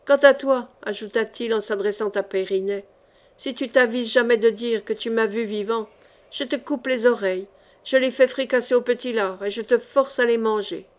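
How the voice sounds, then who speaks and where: A woman's voice: fairly high pitch, moderate pace, natural voice. A woman reading the part of an ironic, fearless male chevalier, with a dry, mocking delivery that turns threatening. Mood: menacing. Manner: dry, mocking, then menacing.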